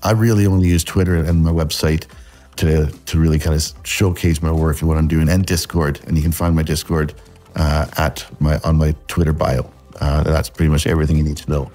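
Very deep and mellow, this fifties Canadian man's voice comes out flat and fairly quick, his accent hinting at Scotland. As a guest artist in a casual interview, he talks from a desk in a home room via video call webcam, rambling with fillers, restarts and lots of laughs.

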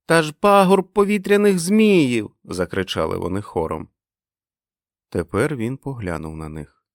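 Brief: a low-voiced male audiobook narrator, measured and expressive, dry close recording. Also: no room sound. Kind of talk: literary story narration.

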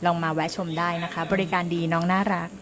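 A woman's voice: fairly low pitch, little pitch movement, fast. A woman doctor co-hosting a casual live chat, joking and laughing often while testing microphones in a music shop.

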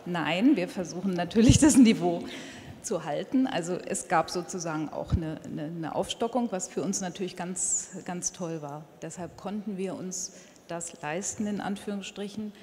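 A woman in her sixties, a TV editor on a panel, explaining in a measured way into a handheld mic on a convention stage. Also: fairly low pitch, dark tone, slight background noise. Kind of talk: panel discussion. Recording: long hall reverb, faint ambience.

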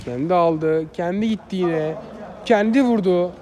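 A man's voice: high-pitched, unhurried, a little mellow. A man giving live play-by-play commentary of an amateur football match in short clipped phrases, often repeating players' names.

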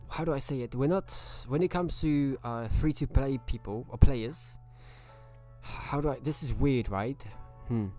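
A man's voice: medium pitch, measured pace, dark tone, faint music behind. A man streaming a video game live, chatting casually and greeting viewers by name.

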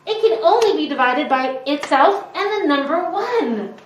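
A bubbly, eager woman bursts with ideas in a playful library skit. Her voice is very high, and the echoey room around her carries a faint hiss. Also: lively intonation, moderate pace. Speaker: children's librarian.

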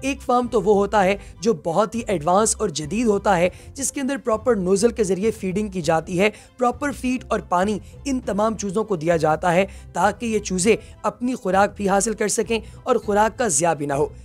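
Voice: medium pitch, animated, moderate pace, hardly any pauses, a little mellow. Voice-over narrator. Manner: addresses listeners as friends, explanatory. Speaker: documentary narrator. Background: faint background music.

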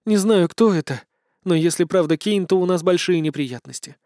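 A man's voice: sits high, moderate pace, dark tone, no room sound, clean studio sound. A male audiobook reader voicing a fierce, emotional young woman with divine power. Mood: worried. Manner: emotional, protective. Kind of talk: audiobook dialogue.

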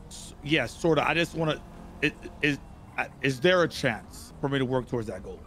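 A man who sounds drunk, earnestly and haltingly talking in character during a streamed role-play. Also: medium pitch, animated, a bit bright, a little hiss or hum. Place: indoor streaming room. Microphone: boom-arm studio microphone.

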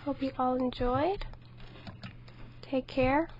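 High-pitched woman commentating slow-paced gameplay with a sore throat, chatty with mild exclamations, on a dull lo-fi mic. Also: steady tone, a little mellow, slight background noise. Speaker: gameplay video host. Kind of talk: let's play commentary.

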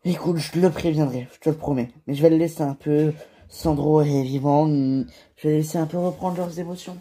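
A man voicing a calm, patient guy. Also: fairly high pitch, brisk, husky. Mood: reassuring. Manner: hesitant, filler-heavy delivery. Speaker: fan toy-figure series voice actor. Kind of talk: amateur home-made drama acting.

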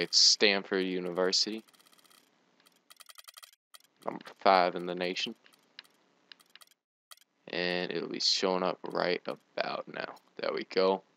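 A man's voice: low-pitched, fairly even intonation, unhurried, vocal fry, long pauses, pushed and bright. A young man giving casual let's play commentary on a video game. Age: young adult. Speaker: gaming video host.

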